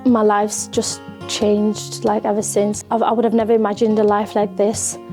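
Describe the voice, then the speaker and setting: A young woman from Bangladesh, a paediatric nurse, speaking softly and reflectively in an interview. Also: mid-range voice, completely flat delivery, moderate pace. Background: soft guitar music.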